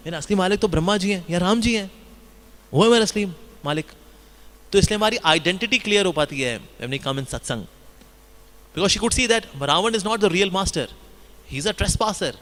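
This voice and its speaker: A man giving a devotional discourse in mixed Hindi and English, telling the story with animated asides and mocking voices. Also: high voice, big-room sound. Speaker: spiritual speaker.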